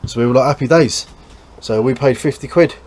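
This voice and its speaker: Brisk and medium-pitched with a darkish tone, this English host chats casually through his boat restoration vlog, explaining each task in a blokey, informal manner. He's working on and around a small boat, and background noise from the location is audible.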